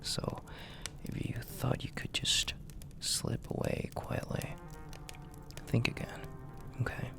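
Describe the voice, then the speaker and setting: A man plays a dominant, flirty, possessive mafia boss in an intimate audio roleplay, lightly acted over music. He speaks in a gravelly, breathy half-whisper, slow, commanding and teasing, with drawn-out pauses.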